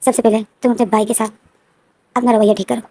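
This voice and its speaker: A woman doing a calm reassuring male friend. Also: on the high side, fast. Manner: soothing, instructive.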